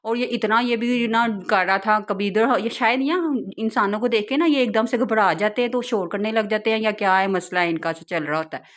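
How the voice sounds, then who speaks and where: A young woman narrating her family outing in a relaxed vlog, chatting and laughing often as she tells it. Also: medium pitch, brisk, hardly any pauses. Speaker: vlogger, mother.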